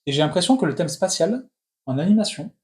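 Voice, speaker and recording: This man in his thirties hosts a casual film critique, his high, sing-song voice coming out in quick, restless, opinionated bursts with plenty of restarts.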